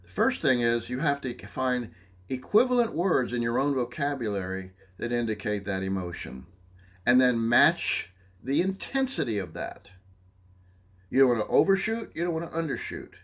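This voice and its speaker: A man's voice: medium pitch, moderate pace. A man teaching a psychology lesson, explaining listening skills, often checking in with "okay?" and acting out short examples. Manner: animated, acts out examples. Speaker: psychology instructor. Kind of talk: lecture.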